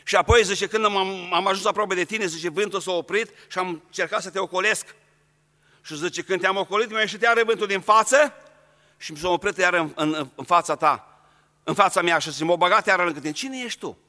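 A man's voice: high-pitched, bright, forceful tone, in a large hall. A man preaching a sermon, speaking earnestly and straight to his congregation. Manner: earnest, addresses the congregation directly.

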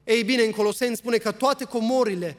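A man with a high voice preaches a sermon, reading long passages of scripture aloud. He talks earnestly and keeps putting questions to his listeners. His voice rings out with a long reverb, as in a church hall. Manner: earnest, asks the congregation rhetorical questions; reads scripture aloud at length.

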